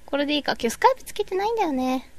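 High, lively woman live-streaming. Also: rapid-fire, dry recording. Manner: chatty, fussing over audio setup, reading chat comments. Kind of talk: casual live-stream chat. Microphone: boom mic.

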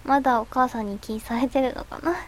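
A woman playing a fifteen-year-old schoolgirl radio host, reading listener comments in a soft, hesitant, giggly way with a stuffy nose from a cold. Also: a little high, steady tone, fast, lightly acted. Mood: shy chatter. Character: shy teenage schoolgirl, fifteen.

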